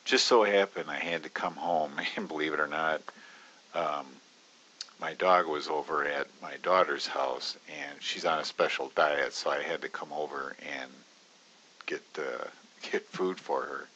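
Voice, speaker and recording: Low-voiced man walking through a trade. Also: steady tone, unhurried, sharp tone, husky, lo-fi sound. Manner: casual, chatty, many fillers, bursts into high-pitched alarm retelling panic. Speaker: options trading educator. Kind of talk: screen-recorded trading walkthrough.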